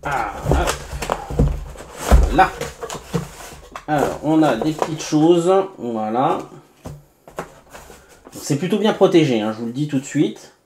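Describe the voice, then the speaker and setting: A man's voice: fairly high pitch, lively intonation, a little slow, pauses often. A man hosting a casual unboxing review, chatty, with many fillers and asides to viewers. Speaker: tech reviewer host. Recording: echoey room, faint background noise.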